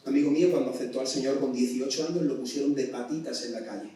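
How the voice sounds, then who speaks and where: A man with a Spanish accent preaching to young people at a summer camp, animated, acting out parents' orders in a raised voice. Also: medium pitch, fast talker. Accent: Spain. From Spain. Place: large hall at a summer camp. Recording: echoey hall, voice from far off.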